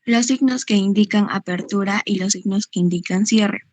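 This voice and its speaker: A woman's voice: medium pitch, moderate pace, darkish tone, no room sound. A woman reads a passage aloud for her class, steadily and carefully. She is close to her microphone, and the sound is dry. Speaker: student. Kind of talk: reading a text aloud in class.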